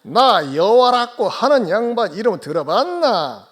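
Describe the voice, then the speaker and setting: A man's voice: sits high, big pitch swings, measured pace, pitched above the performer's own voice, full character voice. Man doing a blunt Gyeongsang countryman. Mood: boastful. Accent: Gyeongsang dialect. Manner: gruff, emphatic tag questions. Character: blunt Gyeongsang countryman boasting of his shepherd.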